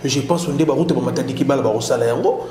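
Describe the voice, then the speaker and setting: Mellow male host. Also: medium pitch, very fast, reverberant, in a large hall, a little hiss or hum. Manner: interjecting, mixes French and Lingala. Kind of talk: political talk show discussion.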